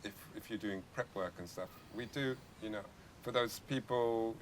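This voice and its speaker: A man in conversation, posing halting questions about yoga practice and anatomy with frequent restarts. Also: on the low side, a little hiss or hum. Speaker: yoga teacher asking questions. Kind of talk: conversational interview.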